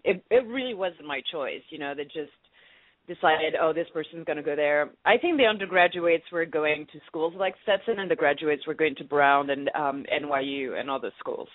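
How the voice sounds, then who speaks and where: A woman's voice: low-pitched, no echo. A woman in her thirties from France with a French accent, a guest actress chatting casually and laughing easily. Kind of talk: casual interview chat. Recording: tinny dry phone-like line.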